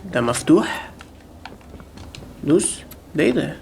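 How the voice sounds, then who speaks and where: شاب بلهجة مصرية يعلق على لعبة رعب وهو يلعب، يصرخ ويهزر مع المتابعين. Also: male voice, on the high side, sing-song, measured pace, vocal fry, a little hiss or hum. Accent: Egyptian Arabic. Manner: panicky, yelling in bursts while being chased; jokey, talks to viewers and the game. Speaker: gaming channel host. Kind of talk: live horror game commentary.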